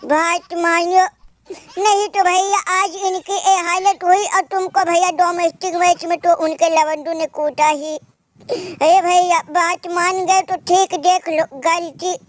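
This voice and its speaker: Cartoon comedy: a fussy rustic villager, piping high and drawn out, wailing in sing-song. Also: male voice, little pitch movement, slow, no room sound. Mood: wailing lament. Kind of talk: comic cartoon voice.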